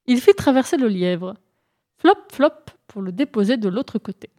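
A woman narrating folk tales for a storybook, reading calmly and evenly. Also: on the high side. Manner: calm, measured narration.

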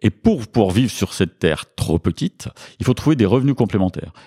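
Deep-voiced man explaining, hesitant. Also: expressive, warm tone, husky. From Franche-Comté, France. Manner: measured, frequent hesitations. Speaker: historian guest. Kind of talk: interview answers, explanatory.

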